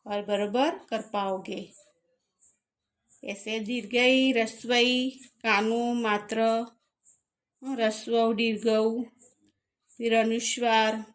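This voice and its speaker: A woman teaching a spelling lesson, patiently sounding out each syllable and repeating it. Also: a little high.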